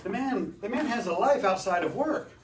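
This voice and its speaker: A man's voice: expressive, normal speed, recorded from a distance. Rambling man livestreaming off-mic in an echoey room. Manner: rambling, jokey, pitch swinging up and down. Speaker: host of a dealership live show. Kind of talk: solo livestream chat. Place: room at a car dealership.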